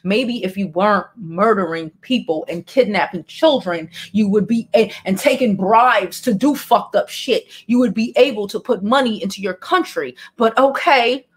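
This celebrity news vlogger, a Brooklyn native, reads and riffs on stories from her indoor home studio under a neon sign, blunt and casual, sighing and swearing along the way. She has a mid-range, slightly breathy voice at normal speed with few pauses.

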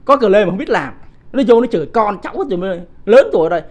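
His voice sits high, and he speaks fast and with animation as he hosts a political livestream, improvising freely. This combative man in his 50s keeps asking viewers rhetorical questions and berates commenters in coarse, blunt language.

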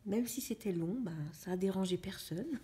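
A young woman chatting in a casual coloring vlog, musing to herself in a soft, often half-whispered voice. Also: medium pitch, normal speed. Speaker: vlogger. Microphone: phone camera.

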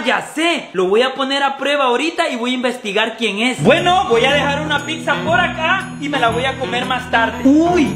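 High-voiced sketch comedian over music. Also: male voice. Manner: quick switches between silly put-on voices, shouting and laughing. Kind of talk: comic sketches playing many characters. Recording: background music under the voice.

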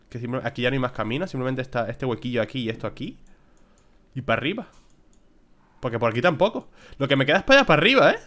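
A young man with a Spain Spanish accent chats to himself through a gameplay session. His tone is bright and pressing, and his mid-range voice keeps up a running stream of complaints and little exclamations. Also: mid-range voice. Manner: talks to himself, grumbling and exclaiming. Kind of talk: casual gameplay commentary.

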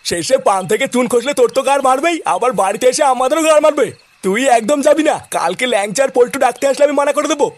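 Man playing an old cartoon grandpa, irritable, scolding, very high voice, fast. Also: lively intonation. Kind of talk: cartoon voice acting.

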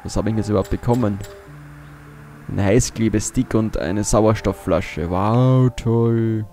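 A man's voice: fairly low pitch, measured pace, dark tone, faint music behind. A man giving casual gameplay commentary as a let's play host, muttering to himself as he thinks aloud.

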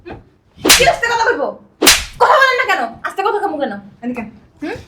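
A woman's voice: very high voice, sing-song, brisk, bright, forceful tone, full character voice. A middle-aged woman playing a haughty rich mother who scolds with mocking questions. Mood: scornful. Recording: echoey room.

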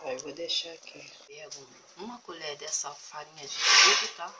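A Brazilian woman with a cold and a congested, deep voice films her cooking and groceries in a home kitchen, holding a phone camera over the food while staying off screen. Speaking at a moderate pace in Brazilian Portuguese, she's homely and casual, constantly repeating "meus amores" and "tá" to her viewers, and the audio is very noisy.

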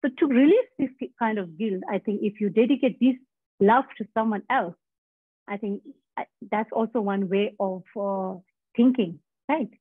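Halting woman on a tinny call line. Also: medium pitch, dry recording. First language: Tibetan. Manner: halting, searching for words, many fillers. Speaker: guest speaker, Tibetan medicine doctor. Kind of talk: personal storytelling in a talk. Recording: husky, tinny phone-like line.

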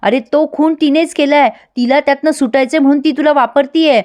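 A woman's voice: high voice, fairly even intonation, fairly quick, a little mellow, pitched above the performer's own voice, close to an everyday voice. A woman voicing an angry young man who heatedly accuses and scolds his friend. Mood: heated accusing.

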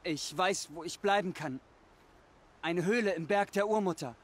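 Scared young game tribesman, way high voice, keeps repeating himself. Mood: troubled. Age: young adult. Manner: pleading, halting, repeats himself. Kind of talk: video game dialogue.

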